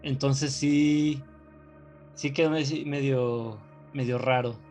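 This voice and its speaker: A man's voice: medium pitch, steady tone, slow, darkish tone, soft background music. A man in casual chat, explaining a film in a joking, rambling way. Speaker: podcast co-host.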